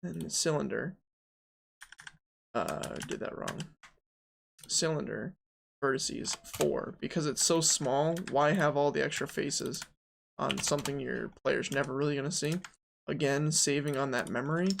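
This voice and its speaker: A man's voice: fairly high pitch, measured pace, creaky, a little hiss or hum. A young man streaming game development, chatting casually, thinking aloud and answering his chat as he models.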